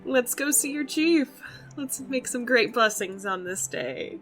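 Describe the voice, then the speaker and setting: Girl doing a polite vain snake guy in a tabletop game, highish voice, kinda hesitant, music behind. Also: lively intonation, unhurried. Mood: gracious. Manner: courteous, hesitant, gently condescending. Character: polite, vain, multi-armed male snake adventurer. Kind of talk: tabletop role-play.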